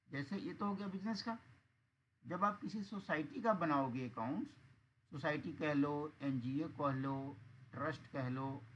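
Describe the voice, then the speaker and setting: A man's voice: on the high side, fairly bright tone, lo-fi sound, slight background noise. A man teaching accounting in an online class, explaining patiently and often checking that students follow.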